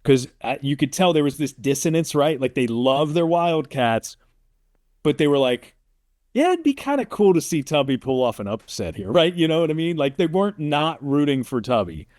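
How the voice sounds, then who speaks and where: A sports announcer, appearing as an interview guest, tells stories informally and often checks in with the listener. His fairly high voice has big pitch swings and a darkish tone, delivered at a moderate pace in studio-quality sound with no room echo.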